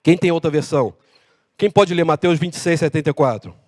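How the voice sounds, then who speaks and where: High-voiced preaching pastor in a hall. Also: male voice, a little fast. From Brazil. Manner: animated preaching with acted-out dialogue. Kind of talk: sermon. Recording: long hall reverb.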